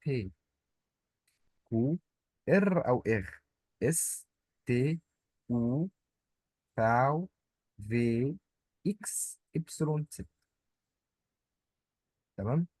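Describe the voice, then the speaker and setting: Brief: Egyptian-accented male tutor, husky, dry close sound, playful and chatty. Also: medium pitch, animated, takes it slowly, long pauses, a little mellow, dry recording. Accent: Egyptian Arabic. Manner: playful, explains with little stories and jokes. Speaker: German language teacher. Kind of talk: informal online lesson.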